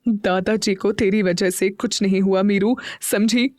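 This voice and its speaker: A woman reading the part of a young man, a loving older brother who speaks gently but turns firm when pressed. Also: high-pitched, steady tone, unhurried, dry recording, studio quality. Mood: stern. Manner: gentle and tender, turning firm.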